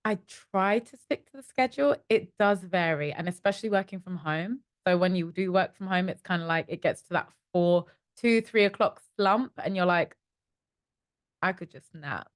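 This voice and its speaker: A young woman with a London accent talks through her days in a relaxed interview, acting out her own thoughts as she goes. Her voice sits a little low for a woman and is recorded close and dry. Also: moderate pace, dry recording. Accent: London English. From East London, England. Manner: chatty, animated storytelling with acted-out inner voices. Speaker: startup co-founder, guest. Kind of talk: casual interview chat.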